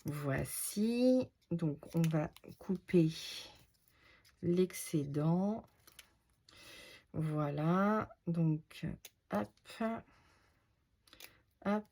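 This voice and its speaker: A woman's voice: low-pitched, creaky, dark tone, slightly rough. A woman with a Norman French accent giving a casual crafting tutorial, thinking aloud and muttering to herself as she works. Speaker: crafter showing card-making.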